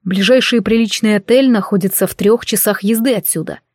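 A woman voicing a gruff, grumbling male witch-detective who gives curt, bossy orders in a storybook reading. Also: mid-range voice, fairly quick, a little mellow, no echo, clean studio sound, lightly acted.

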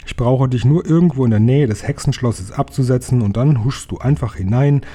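A spirited, determined old grandmother, put on by a man with a dark, husky voice that jumps higher when she gets excited. She exclaims her plans with emphasis, stubborn and full of energy. It sounds like a bedtime storybook reading. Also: fairly quick, close to an everyday voice. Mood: eager.

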